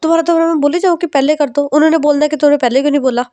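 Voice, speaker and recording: A woman's voice: a little high, fast, dark tone, no room sound, lightly acted. Woman voicing an exasperated young office worker. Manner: defensive, protesting.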